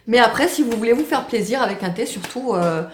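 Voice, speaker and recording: A woman's voice: on the high side, animated, fairly quick, echoey room, a little hiss or hum. A woman chatting casually to the camera in a home vlog, full of fillers and restarts. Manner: chatty, many fillers and restarts, fond baby talk to pets and baby. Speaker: family vlogger.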